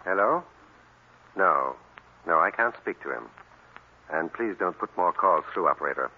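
A man playing a flustered, indignant professor in an old radio drama, with a breathy, stammering delivery. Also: sits low, animated, moderate pace, full character voice. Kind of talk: 1930s radio drama acting. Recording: tinny old radio broadcast.

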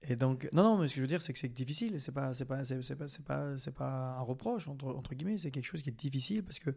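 A man's voice: mid-range voice, animated, quick pace, vocal fry, a little mellow, slightly rough. A young man from France, a guest on a podcast, talking casually and hesitantly with many fillers and restarts.

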